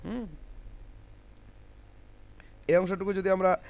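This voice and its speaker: A male teacher with a fairly high voice guides an online class through pronunciation. He is patient and methodical, repeating each point and drilling syllables slowly. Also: fairly even intonation, creaky, phone-quality sound.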